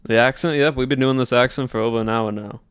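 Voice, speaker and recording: Using a put-on American Southern drawl, a man casually muses aloud to viewers during a livestream. He speaks fast, with fairly even intonation and a medium-pitched, clear, resonant tone. The studio-quality recording has no echo.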